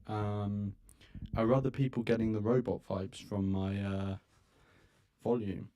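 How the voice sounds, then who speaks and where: A man's voice: fairly low pitch, steady tone, a little slow, warm tone. A man hosting a casual live stream, his voice coming through with a robotic, metallic glitch as he drifts on and off the mic while rocking.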